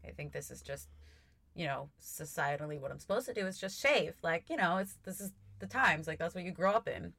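Bright, low-pitched woman talking from a closet. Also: expressive, a little fast, creaky, no room sound. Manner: chatty, leans on "like" often. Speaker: podcast host. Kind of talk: casual chat. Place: small closet, recording indoors.

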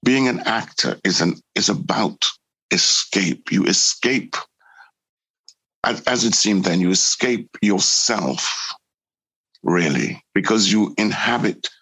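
A reflective man with a Geordie accent, speaking a little low and with a gravelly edge. He talks slowly and thoughtfully in an interview, circling back and repeating words while his husky voice looks for the right phrase. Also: expressive, pushed and bright, rough recording. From born in Trinidad, grew up in Newcastle. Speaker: interview guest, actor.

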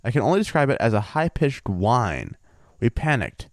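Relaxed man telling a story. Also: medium pitch, moderate pace, no echo, clean studio sound. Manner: relaxed, thinks aloud with fillers. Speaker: podcast co-host telling a story. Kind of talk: casual storytelling.

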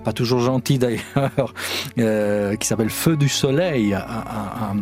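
Guy chatting through ideas on a podcast, average pitch, repeats himself, soft music behind. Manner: halting, self-repeating. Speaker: podcast commentator. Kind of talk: conversational analysis.

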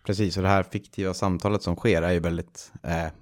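A man with a low, deep voice co-hosts a casual music podcast. He thinks out loud, circling his point with fillers and restarts. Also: level tone. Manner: hesitant, with many fillers and restarts. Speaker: podcast co-host.

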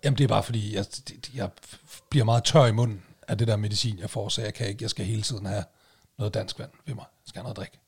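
A man co-hosting a podcast, telling a story in a casual, animated way, swearing and loudly acting out what people said. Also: fairly low pitch, breathy edge. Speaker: podcast co-host.

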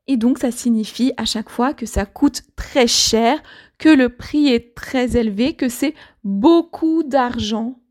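A woman with a high voice teaches an idiom to learners. She talks slowly and clearly, with patient explanations and many small fillers. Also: darkish tone. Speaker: French teacher.

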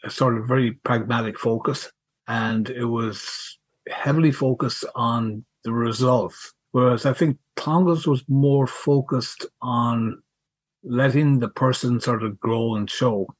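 A middle-aged man, reminiscing casually in a halting, wry way and repeating words as he goes. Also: mid-range voice, fairly even intonation, slightly rough, no room sound. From County Mayo, Ireland. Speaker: podcast guest, school alumnus.

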